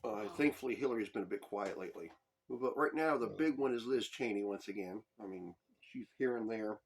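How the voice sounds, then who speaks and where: A man's voice: lowish voice, fairly quick, slight background noise. A man hosting a podcast, delivering a heated, profane political commentary monologue. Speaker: podcast host.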